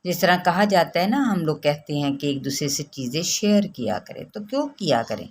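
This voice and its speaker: A woman teaching a Quran recitation lesson, explaining patiently step by step and drawing out recited words slowly. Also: sits low, animated, a little mellow, a little hiss or hum. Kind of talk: tajweed lesson.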